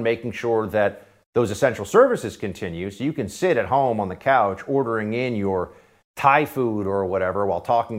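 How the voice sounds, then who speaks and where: A man hosting a political talk radio show, delivering sarcastic commentary that swings between loud jabs and quiet asides. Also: fairly low pitch. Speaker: radio host.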